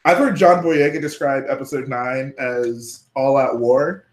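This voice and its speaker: A man hosts a live stream in a relaxed chat, working through his points and putting questions back to his guest. His voice sits at an ordinary middle pitch, and the room around him adds a noticeable echo. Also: unhurried. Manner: questioning, talks things through. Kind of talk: casual chat.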